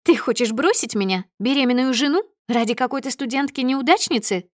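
A woman reading an audiobook voices a furious, spiteful young wife. She shrieks high and loud, then drops to a venomous hiss. The sound is dry and close, with no room around it. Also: expressive, fairly quick, dry recording. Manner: shrieking, hissing threats. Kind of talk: audiobook character voice.

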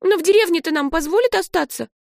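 A woman voicing an excitable, lively little girl who talks in an eager, high, bright way. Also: fast, vocal fry, dry recording, clean studio sound. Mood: pleading.

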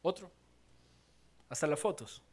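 A man preaching a sermon as pastor, animated and playful, acting out little scenes and firing questions at the congregation. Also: a little high, a little slow.

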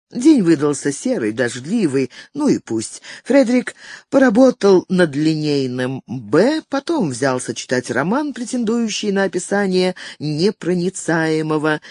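A narrator delivers a novel in an unhurried, deliberate audiobook reading. The pitch rises and falls in lively arcs, and the voice sits close and dry with no room around it. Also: no room sound. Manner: slow, measured, expressive reading.

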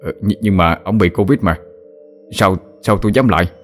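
A man's voice: sits low, normal speed, soft background music, close to an everyday voice. A man voicing a cowardly, selfish middle-aged son who stammers and whines in fear. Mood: frightened. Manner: stammering, whining.

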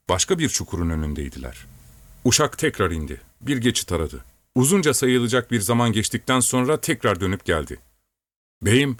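Low-voiced guy reading a story, steady and calm, dry sound. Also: no echo. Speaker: narrator. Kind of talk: scripted audiobook narration.

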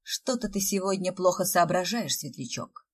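A playful, teasing man playing Father Frost, all mock-solemn jokes and theatrical complaints, as a woman narrator voices him. The voice sits low and a touch husky, in a storybook reading. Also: animated, moderate pace. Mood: mock-serious.

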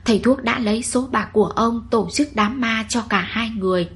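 A woman narrating a literary short story in a steady, measured way, with a breathy voice. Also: a little high. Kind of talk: scripted narration.

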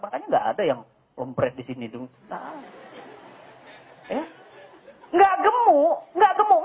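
A man, giving a lively sermon full of jokes and rhetorical questions. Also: very high voice. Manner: animated, joking, asks rhetorical questions. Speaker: preacher. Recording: dull lo-fi recording.

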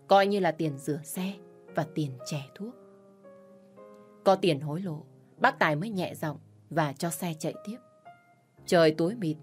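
A woman narrating an audio story in a steady, measured way. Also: lowish voice.

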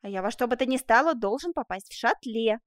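A woman voicing an excitable young man who exclaims in agitation, in a storybook reading. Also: fairly high pitch, a little fast, dry recording, studio quality, close to an everyday voice. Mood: pleading.

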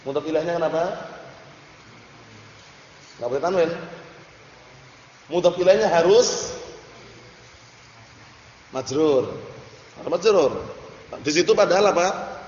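A man's voice: a little high, slow pace, pauses often, a little mellow, a little hiss or hum. A man teaching Arabic grammar to a class, questioning students and drilling their answers. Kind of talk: classroom lesson. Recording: dull, echoey hall recording.

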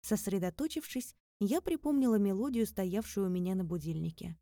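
A woman narrates a first-person story with a wry edge. Her voice is warm and mellow. The recording is dry and close to the mic. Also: medium pitch, a little fast, dry recording. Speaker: audiobook narrator. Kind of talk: scripted narration.

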